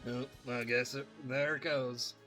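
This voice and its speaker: This gameplay streamer keeps up a casual, jokey commentary, putting on silly voices to read the game's lines. His medium-pitched voice is sharp in tone, fairly even in intonation and unhurried, with soft background music.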